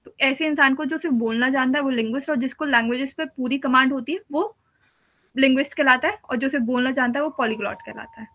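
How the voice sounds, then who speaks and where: A woman's voice: sits high, fast, a bit bright. A woman teacher giving a patient exam-prep lecture, explaining step by step with repeated examples. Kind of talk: exam-prep lecture mixing Hindi and English.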